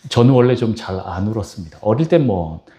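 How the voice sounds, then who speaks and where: A man's voice: on the low side, lively intonation, fairly quick, dark tone. Man preaching an emphatic revival sermon. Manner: emphatic preaching, rhetorical questions, acted-out quotes. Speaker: pastor. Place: church sanctuary.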